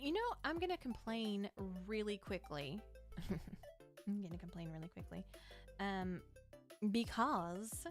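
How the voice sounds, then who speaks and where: A young woman chatting casually while playing a game on stream, rambling and laughing often with many restarts. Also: mid-range voice. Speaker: VTuber streamer. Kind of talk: casual livestream chat while gaming. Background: faint game music.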